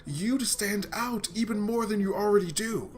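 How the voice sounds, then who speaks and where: A man's voice: high voice, moderate pace. A man reading a visual novel aloud for his gaming channel, voicing the lines dramatically and breaking off for joking asides.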